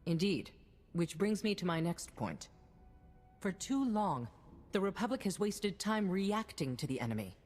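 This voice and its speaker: In a reverberant hall with music behind her, an actress voices a shrewd, stern head of state from a science-fiction video game. Her mid-range female voice is sing-song, a little slow and slightly mellow, delivered in a formal, cutting, authoritative way. She sounds approving and resolute.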